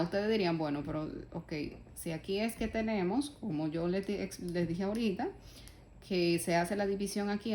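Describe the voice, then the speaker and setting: A woman's voice: mid-range voice, a little mellow, a little hiss or hum. A woman teaching a German grammar lesson in Spanish, explaining patiently step by step and asking her students rhetorical questions. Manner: addresses the class as "ustedes", asks rhetorical questions. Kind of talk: spoken language lesson.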